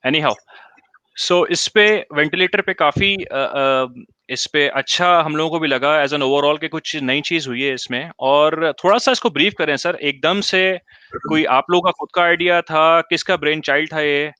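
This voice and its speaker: Bright, dry-sounding interview host. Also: male voice, a little high, a little slow, smooth, no room sound. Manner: polite, calls the guest sir, mixes in English. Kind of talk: live online interview.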